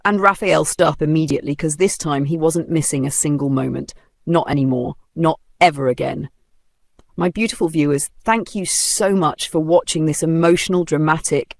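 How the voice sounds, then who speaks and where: A man's voice: fairly high pitch, vocal fry, dry recording, studio quality. Playful Nigerian male storyteller. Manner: playful, humorous asides. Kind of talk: dramatic storytelling narration.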